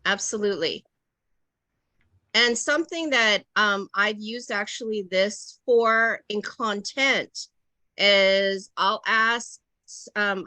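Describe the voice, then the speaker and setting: A middle-aged woman with a medium-pitched, sharp-toned voice runs an online teacher workshop via video call. She speaks reflectively, checking in with "right?" and "okay?", and the audio has no echo.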